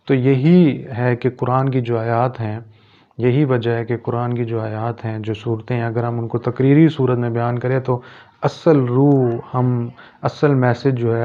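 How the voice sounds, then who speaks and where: Gravelly-voiced man giving a religious talk. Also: medium pitch, phone-quality sound. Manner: measured, with many pauses and hesitations. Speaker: channel host giving an Islamic talk. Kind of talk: explanatory religious talk to camera.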